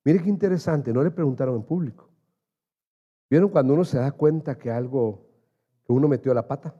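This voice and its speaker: A man's voice: mid-range voice, a little fast, warm tone, muffled recording. A male pastor preaching an earnest sermon in church, building to emphatic raised passages and calling his listeners dear brother.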